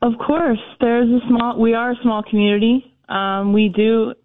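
A woman's voice: on the high side, steady tone, unhurried, dry recording. A woman chatting casually as an interview guest, often repeating words as she starts her answers. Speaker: interview guest, record holder. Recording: muffled, phone-like line.

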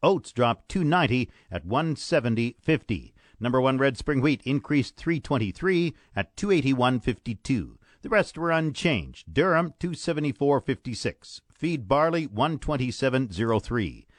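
A man with a Canadian accent reading a scripted radio farm report in an announcer's delivery, stepping crisply through figures item by item. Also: mid-range voice, sing-song, normal speed, few pauses, dry recording, clean studio sound. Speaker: radio host reading farm markets and weather.

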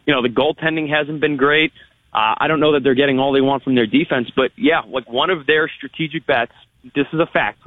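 A man's voice: mid-range voice, no echo. A man giving conversational sports analysis as a radio guest, reasoning steadily with stammered repeats, over a phone line.

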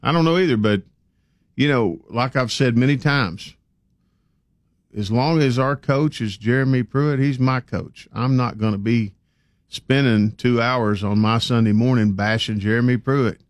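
A man's voice: mid-range voice, a little slow, dry recording, studio quality. A man giving folksy, opinionated commentary as a sports talk host. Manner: plain-spoken, folksy, opinionated.

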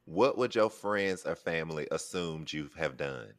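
An American man with a deep voice co-hosting a podcast, asking questions and trading anecdotes in casual chat. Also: lively intonation, unhurried. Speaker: podcast co-host.

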